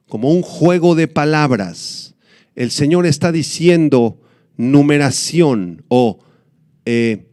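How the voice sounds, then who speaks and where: A pastor preaching a sermon, explaining slowly and repeating key words for emphasis. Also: male voice, fairly high pitch, a little mellow, no room sound, studio quality. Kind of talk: sermon teaching.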